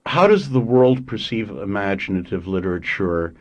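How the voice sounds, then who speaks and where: A man's voice: on the low side, lively intonation, moderate pace. A man asking an interview question, heard through the playback of an old, poor-quality interview recording. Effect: old interview tape played back with poor sound.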